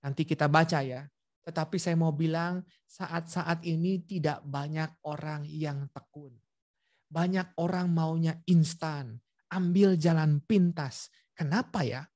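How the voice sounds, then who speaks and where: A man preaching at a prayer meeting over a video call, telling a personal story with lively acted-out dialogue and speaking straight to his listeners. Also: fairly high pitch, measured pace, no echo, studio quality. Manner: addresses listeners directly.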